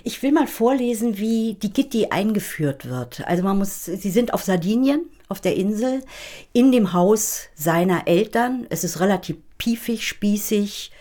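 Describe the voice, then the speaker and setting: A woman's voice: medium pitch, animated, measured pace, dark tone. A woman co-hosting a film discussion, alternating casual talk with reading scenes aloud. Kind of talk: conversational film discussion with read-aloud passages.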